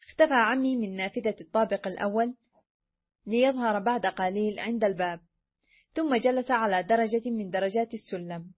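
A woman narrates a storybook in a measured, even voice. Her pitch sits in the middle. The sound is dull and lo-fi. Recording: dull lo-fi recording.

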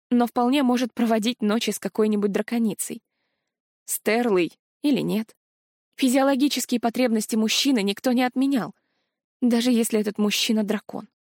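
A woman reading a first-person audiobook story in an even, plain way. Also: on the high side, dry recording, clean studio sound. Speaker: audiobook narrator.

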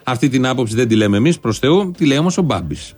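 A man's voice: mid-range voice, expressive, darkish tone, slightly rough, soft background music. A man hosting a satirical show, giving ironic, mock-serious commentary and repeating phrases for effect. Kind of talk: sarcastic commentary.

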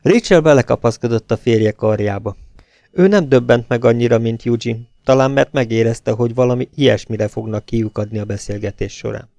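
A man reading a novel aloud as an audiobook narrator, steady and measured. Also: medium pitch, creaky, dry recording, clean studio sound.

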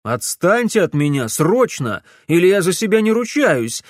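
A man voicing a gruff young man in an audiobook, grumbling and loudly defiant. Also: on the high side, big pitch swings, unhurried, no echo, studio quality, pitched above the performer's own voice.

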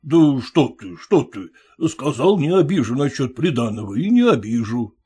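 A man's voice: medium pitch, big pitch swings, normal speed, warm tone, slightly rough. A man voicing an older merchant father-in-law who soothes and coaxes in an evasive way. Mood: placating. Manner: soothing, coaxing.

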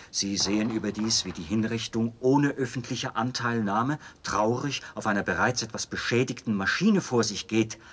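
This actor's fervent officer in a German radio drama is heavily acted, his husky male voice lowish and a bit bright. He persuades insistently and theatrically, yet the mood comes across as measured and persuasive.

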